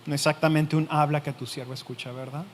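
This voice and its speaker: A man preaching a sermon who speaks straight to the listener, repeats his key phrases and lets the ends of sentences sink to a hush. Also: on the high side, little pitch movement, fast, a little hiss or hum. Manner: direct, addresses the listener as tú. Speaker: pastor.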